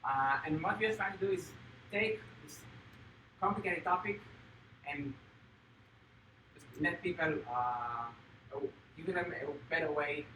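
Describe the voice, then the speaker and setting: A man's voice: fairly high pitch, a little slow, long pauses. Man from Israel giving a hesitant tech talk. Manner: hesitant, many filler sounds. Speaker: guest speaker. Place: meetup room. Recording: echoey room, distant mic, noisy.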